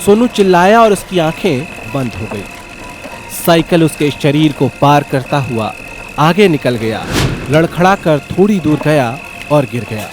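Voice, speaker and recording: A man narrating a scripted comic horror story in a wry, lively manner. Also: on the high side, a little slow, over music.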